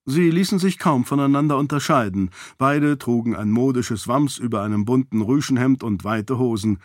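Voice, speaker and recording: Man narrating a storybook, mid pitch. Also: normal speed, darkish tone, dry recording, clean studio sound. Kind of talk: audiobook narration.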